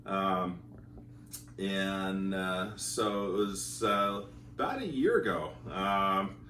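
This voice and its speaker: A middle-aged school teacher from Montana, United States, tells his marriage story in a casual testimonial recorded at his home in California. His low voice is animated, pushed and bright, and he speaks haltingly with many fillers, restarts and repeated words. The recording has a roomy echo, with his voice heard from a distance.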